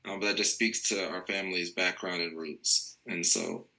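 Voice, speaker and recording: A man's voice: sits low, steady tone, moderate pace, sharp tone, low-quality recording. A man from Tennessee, a podcast guest who talks in a friendly way with hesitant fillers. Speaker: interview guest, nonprofit vice chair. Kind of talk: casual interview chat.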